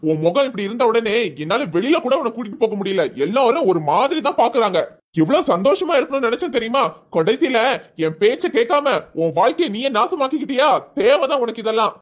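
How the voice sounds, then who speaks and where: A harsh, cold husband in a cartoon, voiced by a woman, scolding his wife with open scorn. The voice sits fairly high. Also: expressive, brisk. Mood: scornful. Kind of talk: cartoon voice acting.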